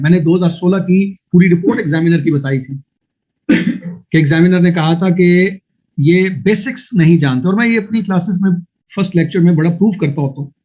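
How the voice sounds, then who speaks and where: High-pitched scolding grammar teacher. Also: male voice, darkish tone, highs cut off. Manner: scolding, emphatic, mixes English phrases into his lecture. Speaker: English teacher. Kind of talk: exam-prep grammar lecture.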